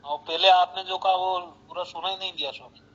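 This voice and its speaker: A man's voice: high voice, fairly even intonation, a little fast, pushed and bright. A man speaking as a disciple over a lo-fi online call line, answering his teacher in short, deferential replies.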